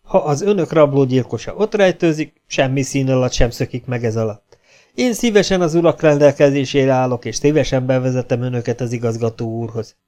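A man's voice: medium pitch, mellow, natural voice. A man reading an audiobook, voicing a courteous, formal asylum doctor. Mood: polite. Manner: polite, formal.

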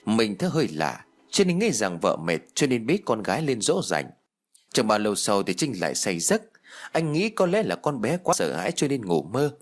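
A man narrating a ghost story audiobook in an expressive storytelling manner. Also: fairly low pitch, normal speed, faint music behind.

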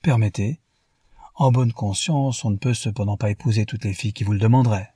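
A man's voice: fairly low pitch, a little fast, mellow, breathy edge, no echo. Man doing a simpering young English lord. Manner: foolish, blunt.

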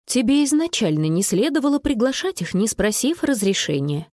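A woman voicing a careful, worrying mother in a children's story, in a measured tone. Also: on the high side, big pitch swings, darkish tone, no room sound. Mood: firm. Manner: measured, mildly worried.

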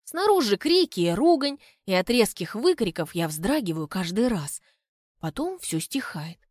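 A woman reading a first-person audiobook in an expressive way, going hushed in tense moments. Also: medium pitch, normal speed, no room sound, studio quality. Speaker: audiobook narrator.

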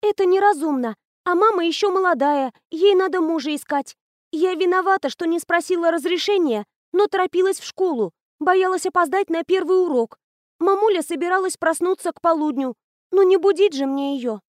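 A woman voicing a sly teenage girl who feigns sweet innocence, speaking in a high, wheedling, falsely timid way. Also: fairly quick, dry recording, clean studio sound. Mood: innocent pleading.

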